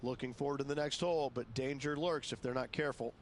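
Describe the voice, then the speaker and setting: A man giving scripted color commentary for a golf video game, speaking in a measured, conversational way to his co-host. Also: medium pitch, fairly even intonation, heavy background noise.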